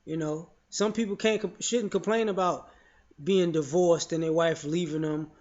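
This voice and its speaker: A man's voice: on the high side, fairly even intonation, normal speed, darkish tone. A man giving his opinions in casual spoken commentary, frank and loose, often saying "you know" and restarting his sentences. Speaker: vlogger sharing opinions. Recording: dull lo-fi audio.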